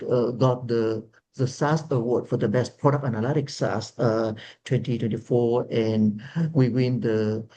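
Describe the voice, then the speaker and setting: A man's voice: mid-range voice, dark tone. A man, a founder speaking on a webinar panel over a video call, explaining earnestly and repeating words as he searches for them. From Vietnam. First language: Vietnamese. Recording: dull, lo-fi video call audio.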